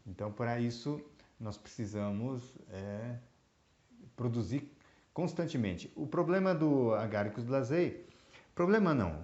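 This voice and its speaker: A man's voice: medium pitch, darkish tone. A Brazilian man who exports mushrooms explains the trade in a hesitant way, with many fillers and restarts. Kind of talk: explanatory talk. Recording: roomy, dull lo-fi sound.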